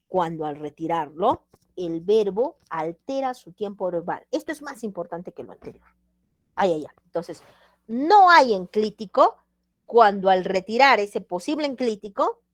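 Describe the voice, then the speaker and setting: A woman's voice: mid-range voice, no echo, studio quality. A woman teacher giving a grammar lesson, emphatic and repeating examples with checks like "ready?". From Peru.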